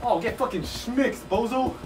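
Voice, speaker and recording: A man's voice: very high voice, normal speed, music in the background. A young man commentating a VR horror game, swearing, trash-talking and yelping whenever he gets scared. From Mexico. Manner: excitable, swearing, yelps when scared, slangy trash talk. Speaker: gaming streamer. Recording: distant-sounding mic with noticeable background noise and hum.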